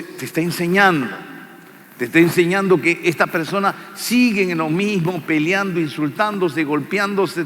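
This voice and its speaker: A man's voice: fairly high pitch, fairly bright tone, long reverb tail. A man preaching a Bible lesson, repeating phrases emphatically and speaking to the listener as a friend.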